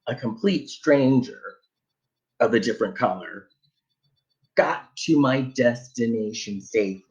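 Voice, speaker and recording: A man telling a funny personal travel story in an animated, conversational way. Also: mid-range voice, highs cut off.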